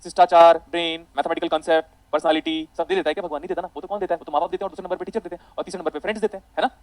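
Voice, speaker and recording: A man teaching an online physics lecture, rapid and animated, calling his students beta. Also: on the high side, dry recording, poor audio.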